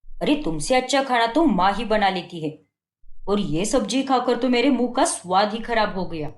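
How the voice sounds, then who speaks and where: A woman's voice: mid-range voice, lively intonation, normal speed, roomy sound, natural voice. A woman voicing a fault-finding young husband in a cartoon, scolding and contemptuous. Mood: scornful. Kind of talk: Hindi cartoon dubbing.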